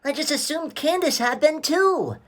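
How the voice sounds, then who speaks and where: A bright, upbeat cartoon lady. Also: high voice, expressive, normal speed, soft background music. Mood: cheerful.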